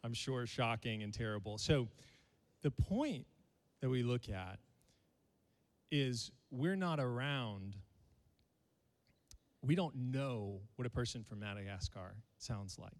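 A man's voice: medium pitch, animated, slow, long pauses, big-room sound. Guy preaching a sermon, joking around with the church. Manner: playful, jokes with the congregation. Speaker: pastor. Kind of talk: sermon to a live congregation.

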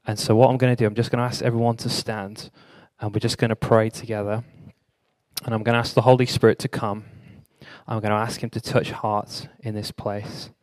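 A man's voice: lowish voice, flat delivery, brisk, darkish tone, low-quality recording. A man speaking as a church pastor, informally addressing a congregation and often restarting his phrases.

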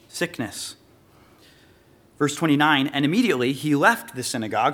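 A man preaching a sermon, reading scripture aloud and explaining it verse by verse, slowing to stress key words. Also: medium pitch, fairly bright tone. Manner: earnest expository preaching, reads scripture then explains it. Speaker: pastor.

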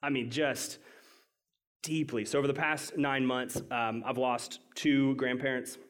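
A young adult man preaching a sermon to a congregation, conversational, dropping to quiet reflective moments and rising to emphatic, higher-pitched questions. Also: little pitch movement, a little slow. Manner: conversational, swings between soft reflective lows and raised emphatic highs. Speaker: pastor. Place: church hall with congregation.

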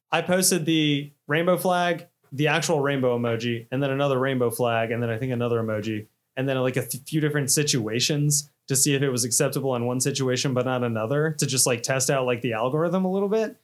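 A man's voice: mid-range voice, fairly quick. A man, hosting a casual podcast chat, rambling and self-deprecating with frequent laughs. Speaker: podcast host.

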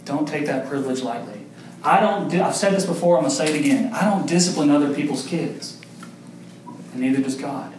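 A man's voice: fairly high pitch, a little fast, noisy background. A young man preaching a sermon, speaking directly to his congregation and building in intensity. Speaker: pastor. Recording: echoey hall, mic far off.

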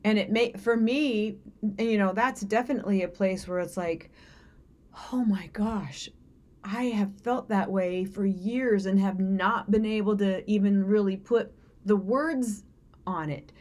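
A woman's voice: mid-range voice, measured pace, darkish tone. A woman with a Southern accent, co-hosting a casual podcast chat, earnest and rambling with restarts.

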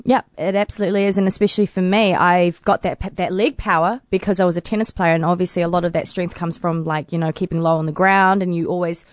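Chatty New woman, low voice. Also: steady tone, fast talker, hardly any pauses, dry recording. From New Zealand. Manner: chatty, laughs often. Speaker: interview guest, para swimmer. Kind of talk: casual interview answers.

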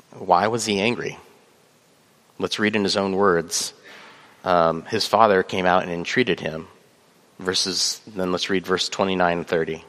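A man with a lowish voice preaches a sermon in a measured way, pausing on fillers and reading scripture aloud. His voice carries a long reverb, as in a church hall. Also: a bit bright. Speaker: pastor.

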